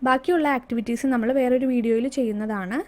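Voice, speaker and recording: Quick high-voiced Malayali teacher closing a video. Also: female voice, darkish tone. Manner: brisk wrap-up to the viewers.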